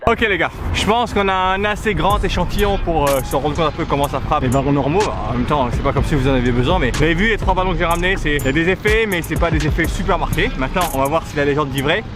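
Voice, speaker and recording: Fast, high-pitched young man vlogging with slang. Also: over music. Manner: informal, slangy, exclamatory. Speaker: football vlog presenter. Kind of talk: casual vlog commentary to viewers.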